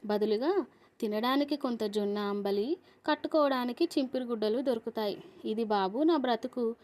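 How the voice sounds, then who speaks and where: A woman's voice: fairly high pitch, moderate pace, a little mellow, natural voice. A woman voicing a poor, mistreated young boy in a storybook, speaking plaintively. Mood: sad.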